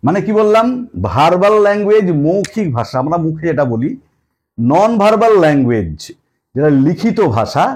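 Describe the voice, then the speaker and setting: A man's voice: on the high side, a little mellow. A male English teacher explaining a lesson, who asks rhetorical questions and repeats key points. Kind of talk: classroom-style lesson explanation.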